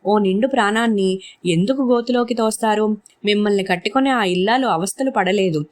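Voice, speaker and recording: A woman voicing a mocking, sharp-tongued village woman who teases with laughing scorn in a read-aloud story. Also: medium pitch, fairly quick, lightly acted.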